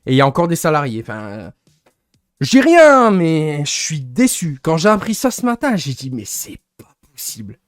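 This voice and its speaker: A man's voice: fairly high pitch, big pitch swings, moderate pace, clear, resonant tone, dry recording, studio quality, faint music behind. Annoyed young man ranting. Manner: rambling, gets annoyed, searches for words. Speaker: livestreamer. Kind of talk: casual venting to stream chat.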